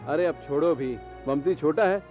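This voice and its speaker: A man voicing a defiant young action hero bent on revenge. His voice is high for a man and self-assured. Faint music runs under the dub. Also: normal speed, darkish tone, lightly acted. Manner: cocky, defiant. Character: bold young male hero, vengeful. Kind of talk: Hindi film dubbing.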